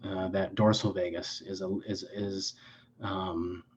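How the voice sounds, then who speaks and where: A man's voice: low-pitched, little pitch movement, slow, slight background noise. A man speaking as a clinician guest in an interview, explaining in an earnest, lecturing way with frequent restarts and self-corrections.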